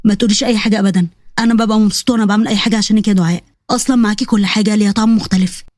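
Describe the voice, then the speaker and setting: Storybook role: tender young Egyptian suitor, soft and reassuring, voiced by a woman. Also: medium pitch, steady tone, rapid-fire, dry recording, clean studio sound, voice pushed down, natural voice. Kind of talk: storybook voice acting.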